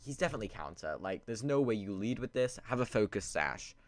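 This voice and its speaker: Deep-voiced man, sniffly with a cold. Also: big pitch swings, fairly quick. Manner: rambling, thinking aloud. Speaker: video game battle commentator. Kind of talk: casual gameplay commentary.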